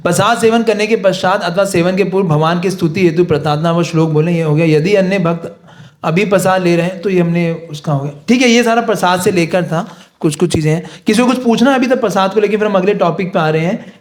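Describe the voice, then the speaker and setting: A man's voice: high voice, brisk. A man teaching a devotional course, explaining in Hindi with English phrases and chanting prayers. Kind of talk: devotional class lecture.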